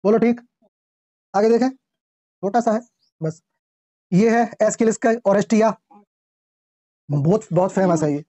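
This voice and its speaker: A male teacher giving a classroom lecture, reading English lines slowly, explaining them in Hindi, quizzing the class and clearing his throat often. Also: high-pitched, warm tone, no room sound. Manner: quizzes the class with repeated questions. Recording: dull lo-fi classroom recording.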